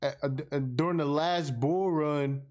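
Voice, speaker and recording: On his casual livestream, an American podcast host answers viewer comments in a slangy monologue, repeating phrases for emphasis. His voice is on the high side yet darkish, with a steady tone and normal speed.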